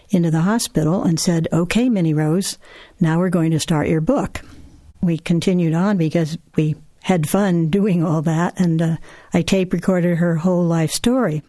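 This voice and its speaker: A woman's voice: lowish voice, dry recording. A woman author answering interview questions, telling stories with the odd laugh. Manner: warm laughing storyteller, reads excerpts aloud. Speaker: author and guest. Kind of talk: radio interview answers and reading aloud.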